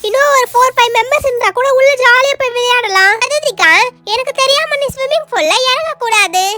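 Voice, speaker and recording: Very high chirpy woman narrating a doll show. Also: fairly quick. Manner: cheerful, chatty, addressing friends.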